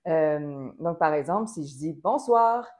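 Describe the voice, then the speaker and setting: Female singing teacher, Québécois accent, low warm voice, precise and hesitant delivery. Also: expressive, moderate pace. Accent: Québécois French. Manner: careful, precise, with frequent hesitations. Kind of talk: explanatory vocal lesson.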